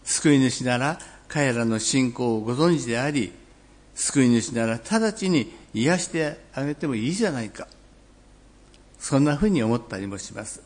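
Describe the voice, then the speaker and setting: A male pastor delivers a sermon at a measured, reflective pace, slowing on key phrases and clearing his throat from time to time. His voice is medium in pitch with lively intonation.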